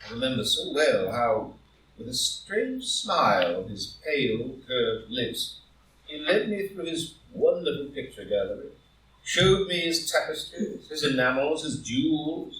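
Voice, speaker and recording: During a live, in-person group reading of a stage drama in an indoor room, a man plays a proud, ambitious wealthy gentleman defending his guilty secret. His medium-pitched delivery is impassioned, grandiloquent, and emphatic, captured in a roomy recording far from the mic.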